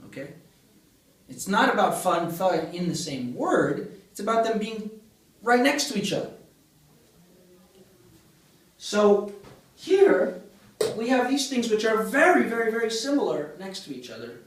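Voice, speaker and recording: A linguistics lecturer from Greece with a high voice teaches in a large lecture room, explaining step by step and asking the class questions. His pitch swings widely, his pace is measured, and he pauses often. The hall is very echoey and he sounds distant from the mic.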